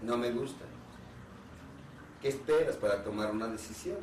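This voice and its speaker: An earnest man gives a talk as a therapist, building his points through repeated rhetorical questions and measured pauses. His voice sits at an ordinary middle pitch. It carries from some distance through a roomy, echoing space with a faint hiss beneath it. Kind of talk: public talk on anxiety. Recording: roomy hall sound from a distant mic.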